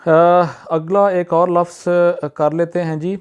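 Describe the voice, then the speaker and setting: A man giving a casual spoken lesson on pronunciation, pausing with fillers and repeating each word slowly. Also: high-pitched, clear, resonant tone, dull audio. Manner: relaxed, repeats words slowly with many fillers. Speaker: pronunciation teacher.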